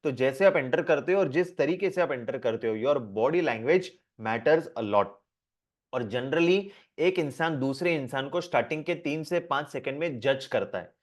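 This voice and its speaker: Lively male online teacher. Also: medium pitch, measured pace. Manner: lively and repetitive, asking the class questions. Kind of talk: live online class.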